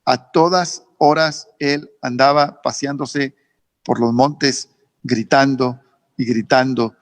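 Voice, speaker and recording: Emphatic northern Mexican pastor preaching. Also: male voice, steady tone, slow, dry recording. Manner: repetitive, emphatic preaching with rising pitch on key phrases. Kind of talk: sermon. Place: church service streamed online.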